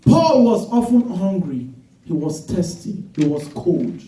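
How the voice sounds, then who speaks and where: A male pastor preaching a sermon, swinging between loud shouted emphasis and slow drawn-out phrases. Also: high-pitched, big pitch swings. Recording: echoey room from a distance.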